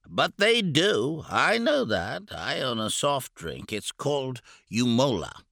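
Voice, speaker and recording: A man's voice: mid-range voice, big pitch swings, slow, vocal fry, pushed and bright, no room sound, studio quality, pitched above the performer's own voice, full character voice. A man voicing a middle-aged businessman and father, irritable and confiding as he talks shop. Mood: earnest. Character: middle-aged soft-drink businessman, father of two soldiers, grumbling.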